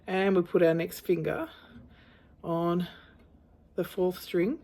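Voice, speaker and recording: A guitar and singing teacher with a low, dark-toned voice speaks slowly and with fairly even intonation. She's giving a beginner an informal, encouraging demonstration, reassuring them as acoustic guitar is strummed in the background.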